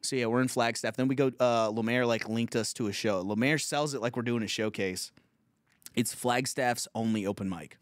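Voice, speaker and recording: A young man hosting a podcast, telling a road story from stand-up comedy in a casual, profane, animated way. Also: mid-range voice, moderate pace, no echo, clean studio sound. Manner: profane, animated storytelling with laughs and acted quotes.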